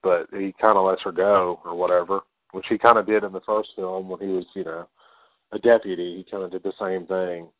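A man's voice: low-pitched, steady tone, fairly quick, dry recording. A man co-hosting a podcast, casually retelling a movie scene by scene with lots of fillers. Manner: rambling retelling with many fillers and quoted lines. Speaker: podcast co-host. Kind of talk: casual movie recap chat. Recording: dry tinny phone-like sound.

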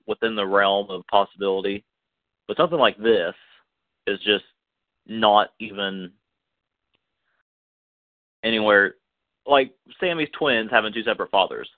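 A man with a lowish voice chats casually as a podcast co-host, opinionated and laughing easily. His voice comes through a thin, phone-like line with a dry, close sound. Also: no room sound. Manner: chatty, opinionated, laughs often. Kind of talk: casual chat about soap operas.

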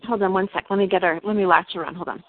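A woman's voice: mid-range voice, fairly even intonation, rapid-fire, a little hiss or hum. A woman talking on speakerphone during a casual phone call, her voice breaking up in and out. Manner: breaks up in and out, arms full while talking. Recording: tinny dry phone line.

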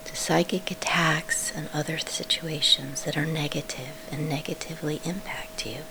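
A woman leading a guided sleep meditation in a soft, soothing whisper, pausing between short phrases. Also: deep voice, steady tone, rough recording.

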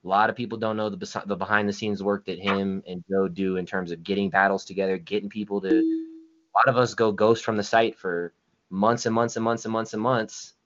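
A man's voice: fairly low pitch, flat delivery, brisk, a bit bright, highs cut off. A man hosting a casual online show, talking loosely and cursing while he manages the call. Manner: loose, profane, moderating. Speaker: host.

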